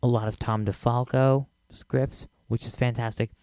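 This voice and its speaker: In this solo podcast, the male host has a mid-range, darkish voice with flat delivery at a normal speed, and there's no echo. He chats casually, filling gaps and repeating himself, while his voice turns scratchy as it gives out.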